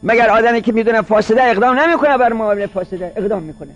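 A man's voice: high voice, dull audio. A man teaching a seminary class, reading phrases from a classical Arabic legal text and then explaining each one in plain everyday speech.

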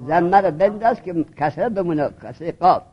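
A man's voice: sits high, muffled recording. A man teaching a grammar class, questioning his students and repeating points until they get them.

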